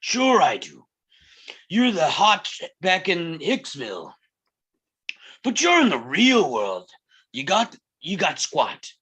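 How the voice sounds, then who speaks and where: This man's exaggerated delivery features wildly swooping pitch and a sharp, slightly rough tone. He's a table read actor performing live as a blunt, joking, wisecracking middle-aged circus owner, his pitch shifting fast.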